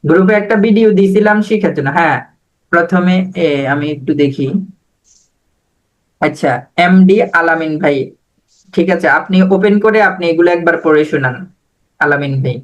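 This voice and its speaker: Man, high voice, online class teacher, video call, patient, repeats words. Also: moderate pace, pauses often, poor audio.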